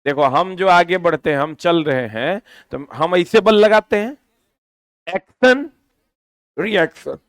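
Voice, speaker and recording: A man teaching a physics lesson, lively and constantly quizzing his students with repeated questions. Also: a little high, moderate pace, hardly any pauses, dry recording.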